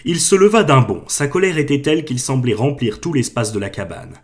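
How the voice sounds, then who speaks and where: A man reading a storybook aloud as an audiobook narrator, calm and measured. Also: mid-range voice. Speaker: audiobook reader.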